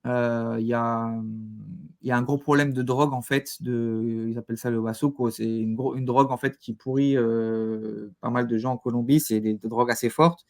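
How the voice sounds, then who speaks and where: A man speaking as an interview guest at a middling pitch. His delivery is conversational and halting, with words repeated while he looks for the right phrase. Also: level tone, darkish tone.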